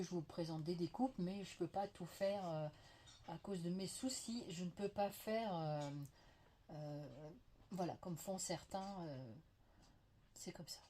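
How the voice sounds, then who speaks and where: French woman, home haul vlogger, low-pitched, a little hoarse, chatty and enthusiastic, light background noise. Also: warm tone. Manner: chatty, gushing, many fillers. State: slight cough, veiled voice. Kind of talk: casual show-and-tell haul. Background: faint clatter of dishes.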